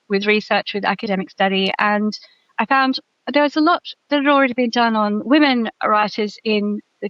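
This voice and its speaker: A woman's voice: medium pitch, a bit bright, no room sound, muffled recording. A Tasmanian woman in her fifties with an Australian accent, a guest author talking through her life in a thoughtful, self-deprecating way with many fillers. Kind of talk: casual interview chat.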